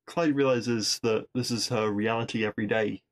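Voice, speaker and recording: A man's voice: fairly low pitch, steady tone, moderate pace. A man hosting a podcast, casually recapping a TV episode with wry asides and frequent restarts. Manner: chatty, wry asides, repeats words while thinking. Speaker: podcast host reviewing episodes.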